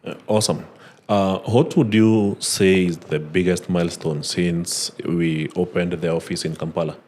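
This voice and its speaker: Low-voiced man hosting a podcast. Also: normal speed, slight background noise. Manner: relaxed, frequent "uh" fillers and "awesome". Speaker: podcast host. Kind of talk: casual podcast interview.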